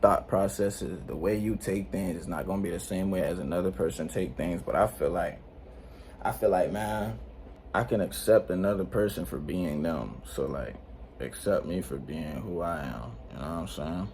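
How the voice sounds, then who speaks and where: His voice is low and darkish, at a moderate pace, with a bit of background noise. The speaker is an eighteen-year-old vlogger filming indoors at home, rambling casually and unscripted in slang, laid-back and often tossing in "you know what I'm saying" to the people watching.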